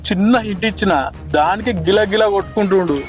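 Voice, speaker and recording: A man plays a worried friend with a Telangana accent who keeps pleading for calm. His voice is high and quick, with faint music underneath. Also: lightly acted. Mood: urging. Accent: Telangana Telugu. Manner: pleading, cautioning. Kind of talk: village short film acting.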